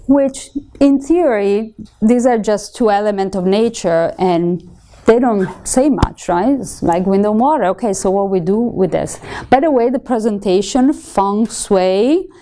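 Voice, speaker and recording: With a warm, mid-range voice and an Italian accent, this feng shui instructor from Italy lectures her students conversationally. She often fills pauses with "um" and stops to correct herself.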